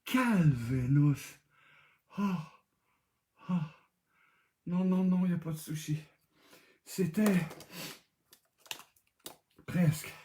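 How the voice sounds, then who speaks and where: A man's voice: fairly high pitch, animated, drawn-out words, long pauses, warm tone, roomy sound, a little hiss or hum. A man with a Québécois accent hosting a live-streamed game night, laughing often and exclaiming as he reads answers aloud over and over. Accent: Québécois French.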